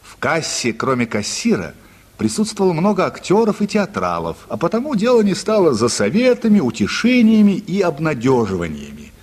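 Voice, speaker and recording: A man narrates a radio drama story in a husky, middle-pitched voice, speaking a little fast. His delivery is animated and expressive, and a reverberant studio hall gives it a long, echoing tail.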